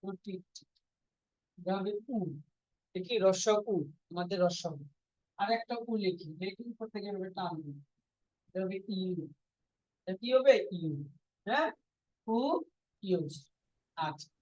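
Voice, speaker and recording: A woman's voice: mid-range voice, measured pace, pauses often, darkish tone, no echo. A woman teaching a language class, repeating each point and quizzing her students with frequent questions. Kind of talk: classroom lesson. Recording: dull lo-fi dry recording.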